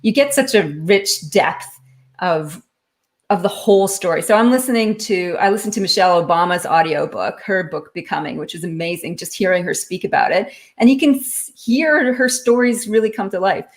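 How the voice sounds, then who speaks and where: Her voice is medium-pitched and moderately paced as she describes her leadership consulting work. She's a guest on a live online interview, an author in the field, speaking in an articulate, explanatory way and laughing lightly now and then.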